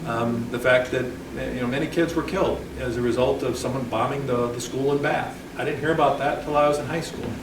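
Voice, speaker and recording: A man's voice: mid-range voice, fairly even intonation, a little fast, few pauses. Man, middle-aged, rambling history talk, echoey hall. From Michigan. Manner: rambling, many ums and restarts. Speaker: local history speaker. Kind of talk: informal public talk. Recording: echoey hall, distant mic, background noise.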